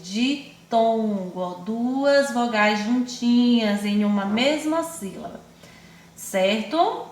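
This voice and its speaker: A woman with a Brazilian accent teaching young children in an online class, speaking affectionately and stretching words out slowly syllable by syllable. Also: a little high, reverberant. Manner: affectionate, calls pupils "my loves" and herself "auntie". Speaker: primary school teacher.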